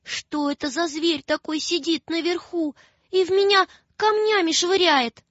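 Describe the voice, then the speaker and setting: A woman's voice: animated, slow pace, a bit bright, no room sound, heavily acted. A woman voicing a frightened little girl who cries and pleads in rhyming lines. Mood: pleading. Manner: high, crying, rhyming pleas. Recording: dull lo-fi sound with faint music.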